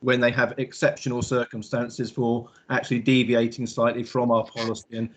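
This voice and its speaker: A man speaking as a councillor in a committee debate on a video call, steady and matter-of-fact. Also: medium pitch, normal speed.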